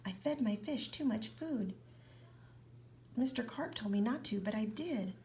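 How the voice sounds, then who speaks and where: A woman voicing a panicky young boy in a read-aloud storybook, pleading in a high, urgent voice. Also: expressive, a little slow, mellow, a little hiss or hum.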